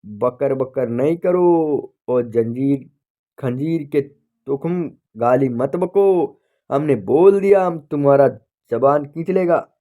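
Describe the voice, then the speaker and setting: A man voicing a gruff male traveller who threatens in broken, ungrammatical Hindi. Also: mid-range voice, animated, slow, warm tone. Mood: threatening.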